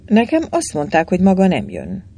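A man's voice: sits high, wildly swooping pitch, vocal fry, mellow, husky, exaggerated voice. A man reading the part of a flustered, tipsy young man in a story, speaking in a pleading way.

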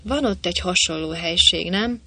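A man's voice: sits high, bright, forceful tone, breathy edge, no room sound, heavily acted. A man voicing a huge, bug-eyed, absent-minded butcher who eagerly agrees with everything in a chatty manner.

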